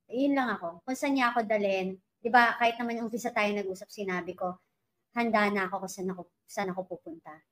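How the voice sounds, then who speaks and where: A woman's voice: a little high, fairly bright tone, poor audio. A middle-aged woman from the Philippines, speaking as a guest in an emphatic, outspoken way. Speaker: guest commentator. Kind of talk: casual political chat.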